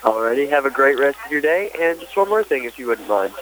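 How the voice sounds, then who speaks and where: Male call center agent, medium pitch, informal and halting, reassuring the customer over the phone. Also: big pitch swings, a bit bright, no echo, rough recording.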